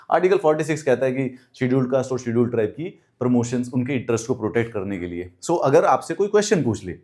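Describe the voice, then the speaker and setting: A man's voice: medium pitch, darkish tone. Emphatic man teaching exam prep. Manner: emphatic teacher, repeats key phrases, asks rhetorical questions. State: speaking with a mouth ulcer. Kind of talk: classroom lecture mixing Hindi and English.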